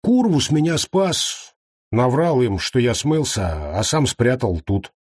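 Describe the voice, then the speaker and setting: A man's voice: mid-range voice, very animated, slow pace, darkish tone, dry recording, clean studio sound, pitched above the performer's own voice. A man voicing a timid, earnest wild young man in an audiobook, hesitant and worried.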